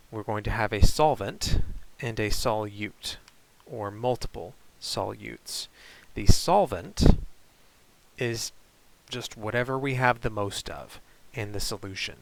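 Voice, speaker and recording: A man teaching chemistry in a recorded online lecture, explaining in a relaxed way with frequent fillers. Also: medium pitch, vocal fry, rough recording.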